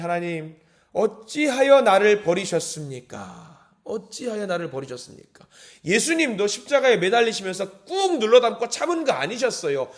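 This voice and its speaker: Impassioned high-voiced pastor preaching. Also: male voice. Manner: impassioned, swings from hushed to crying out. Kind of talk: early-morning sermon. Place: church sanctuary.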